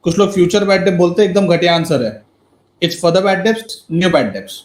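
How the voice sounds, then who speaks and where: A male accountancy teacher with a high voice gives a live online class lecture at normal speed, his intonation lively. He mixes Hindi and English and quizzes students by name, and the room has a noticeable echo.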